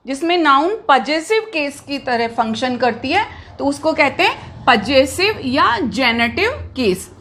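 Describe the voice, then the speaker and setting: A woman's voice: high voice, a bit bright. A woman teaching an English grammar lesson to students, mixing Hindi with English terms and patiently asking questions that she then answers herself.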